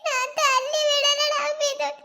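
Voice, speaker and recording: A woman voicing a heartbroken young woman in a cartoon love story, speaking slowly and tearfully as she pleads with her lover. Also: extremely high pitch, steady tone, sharp tone, heavily acted. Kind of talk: cartoon voice acting.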